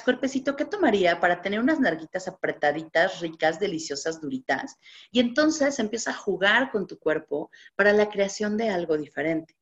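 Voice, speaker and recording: Low-voiced woman coach, muffled lo-fi audio. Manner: asks a stream of coaching questions and chants clearing phrases. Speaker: body-positivity coach. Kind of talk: motivational live talk to an audience. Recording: muffled lo-fi recording.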